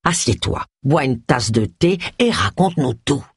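A reader voicing Charles, a friendly man with a relaxed way of talking. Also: medium pitch, measured pace, breathy edge, dry recording, studio quality.

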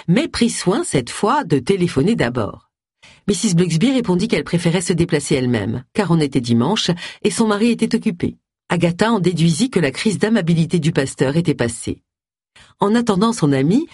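A woman narrates a novel with expressive, lively intonation. Her voice is low and husky. The recording is close and dry, with no room sound. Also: no echo. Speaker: audiobook narrator. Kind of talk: scripted audiobook narration.

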